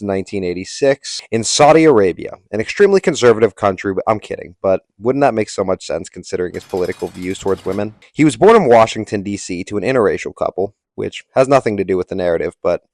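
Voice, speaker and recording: A man giving scripted comedic narration, sardonic and crude with a deadpan delivery. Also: low voice, dry recording. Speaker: commentary narrator.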